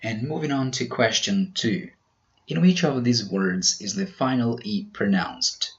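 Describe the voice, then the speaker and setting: Man, quiz teacher, slow deliberate pace, dull lo-fi recording. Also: medium pitch. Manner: slow, careful, over-articulated delivery of example words. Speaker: English pronunciation teacher. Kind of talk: scripted quiz narration.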